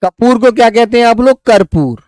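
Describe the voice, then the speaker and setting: A man's voice: very high-pitched, expressive, normal speed, darkish tone, dry recording, clean studio sound. A man teaching a live online quiz class, coaxing his students and calling them "beta" as he goes through the answers.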